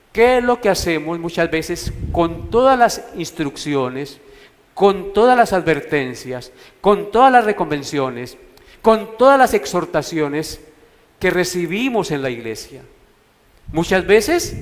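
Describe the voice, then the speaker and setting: Slow-preaching pastor, man. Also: fairly high pitch, long reverb tail. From Colombia. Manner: slow, deliberate preaching, repeating key words for emphasis. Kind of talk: sermon. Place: church sanctuary.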